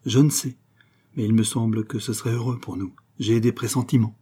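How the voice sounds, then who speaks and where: A man reading an audiobook, voicing a cunning young adventurer who poses as a count and speaks in a measured, coaxing, confiding way. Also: mid-range voice, steady tone, warm tone, slightly rough, close to an everyday voice.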